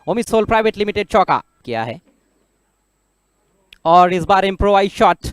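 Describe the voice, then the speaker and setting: Excited, high-pitched male cricket commentator. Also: moderate pace, clear, resonant tone, no echo, studio quality. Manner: exclaims at big shots, voice rising sharply.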